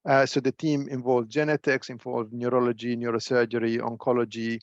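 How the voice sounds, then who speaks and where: A middle-aged man giving a webinar lecture as a neuro-ophthalmologist, measured and full of fillers and repeated words. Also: mid-range voice, flat delivery, no echo, muffled recording. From Syria. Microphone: video call.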